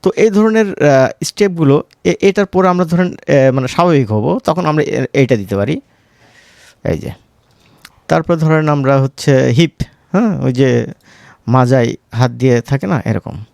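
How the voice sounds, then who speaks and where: In an informal screen-recorded software tutorial, a male instructor with a Bangladeshi Bengali accent speaks conversationally, often checking in with short question tags. His medium-pitched voice is expressive, gravelly and darkish, delivered at a measured pace with frequent pauses. The recording is dry and of studio quality.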